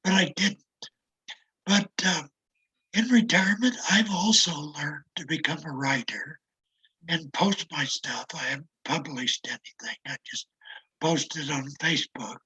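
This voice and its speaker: An interview guest, a retired older man, talks casually in a raspy, strained voice that often falls to a whisper. Slow, reflective and self-deprecating, his tone stays bright and tight despite the damage, sitting a little high on a rough recording.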